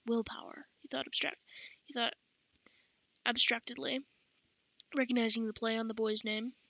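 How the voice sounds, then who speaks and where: A woman's voice: on the high side, flat delivery, moderate pace, creaky, sharp tone, dry recording, poor audio. A woman narrating an audiobook, who corrects her own reading slips aloud as she goes. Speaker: audiobook reader.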